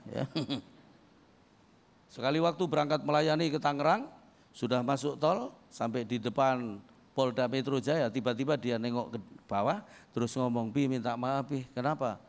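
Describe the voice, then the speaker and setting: An older man from East Java, a pastor giving a humorous sermon, telling stories and swinging from low asides to loud shouted points. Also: expressive, moderate pace, gravelly, long pauses. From East Java, Indonesia. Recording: long hall reverb.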